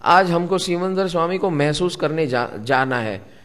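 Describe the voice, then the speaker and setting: A man's voice: a little high, expressive, measured pace, a bit bright. A man giving a spiritual discourse to a live gathering, repeating key words and putting questions to his listeners. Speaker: spiritual teacher. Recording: long hall reverb.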